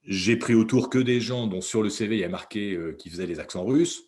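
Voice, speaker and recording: A man's voice: lowish voice, brisk, a little mellow. A man, a voice actor and dubbing director, chatting in an interview in a rambling, self-correcting way. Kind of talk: casual interview talk.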